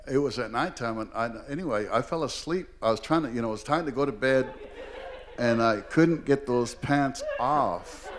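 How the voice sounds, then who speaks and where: An older man from Oregon tells a story before a live audience, rambling along with plenty of "you know"s and "uh"s. His pitch sits mid-range for a man, and his telling is humorous and unhurried. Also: a little hiss or hum. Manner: rambling and humorous, heavy with fillers. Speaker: language teacher and storyteller. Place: performing arts hall, live event.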